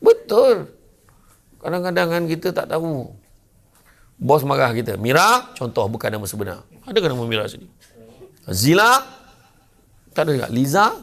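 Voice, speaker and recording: Gravelly older Malaysian preacher. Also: male voice, a little high, normal speed, pauses often. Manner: lively storyteller who acts out characters. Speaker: religious lecturer. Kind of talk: humorous sermon. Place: lecture venue.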